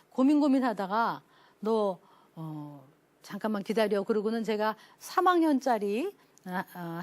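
A middle-aged woman professor giving a parenting lecture, telling anecdotes animatedly, acting out quoted voices and laughing often. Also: medium pitch. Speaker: professor teaching a parenting class.

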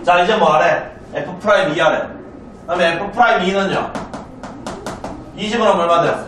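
Here a male math teacher from South Korea speaks in a high voice with a fairly bright tone over slight background noise. Recorded at a distance in a roomy classroom, he chats briskly and keeps asking students whether they're following along.

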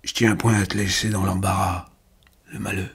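A man voicing a gruff, dying old male lighthouse keeper in a faint, breathy whisper, in an audiobook. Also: low-pitched, flat delivery, moderate pace. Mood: faint, tender. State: weak and dying. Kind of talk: audiobook character voice.

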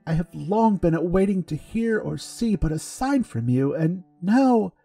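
An earnest young cleric stammers out his pleas, voice raised high and strained, as a man plays him. The tone is husky and breathy. Soft music runs beneath. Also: big pitch swings, a little slow, full character voice. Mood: pleading, tearful. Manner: stammering, pleading, raised pitch. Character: young male cleric, earnest, tearful, devout.

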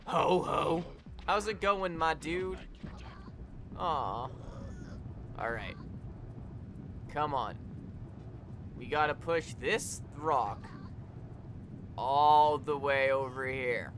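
A young man giving casual, profane gameplay commentary, getting excitable and swearing often as he plays. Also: fairly high pitch, extremely slow, pauses often, slight background noise. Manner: excitable, swears a lot, yells at the game. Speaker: let's play gamer.

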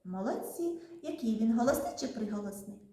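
A woman teaches a literacy class to small children in a lively, sing-song voice that swoops up high to praise them. She stretches her words out slowly and clearly. The recording rings with strong room echo. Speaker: kindergarten teacher. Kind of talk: literacy lesson for young children. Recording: very echoey room.

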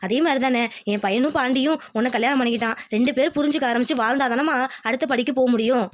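A woman's voice: sits high, natural voice. Bossy village mother-in-law, voiced by a woman. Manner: bossy, quick and insistent. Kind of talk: cartoon voice acting.

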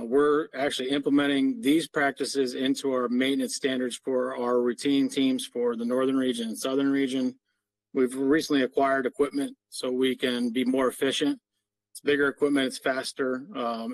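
A middle-aged man with a mid-range voice presents slides to a board meeting over a video call, speaking as a parks maintenance official. His delivery is explanatory and businesslike. The recording is low quality but has no echo.

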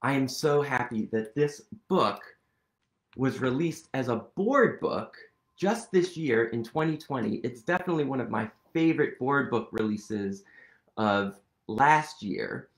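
A man's voice: medium pitch, expressive, unhurried. A man hosting a museum storytime, talking casually and cheerfully to young viewers about a book he loves. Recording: roomy echo.

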